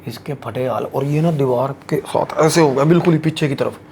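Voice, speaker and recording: A man's voice: medium pitch, normal speed, darkish tone, slight background noise. A man hosting a podcast, telling a horror story in a casual, crude and slangy way full of swearing.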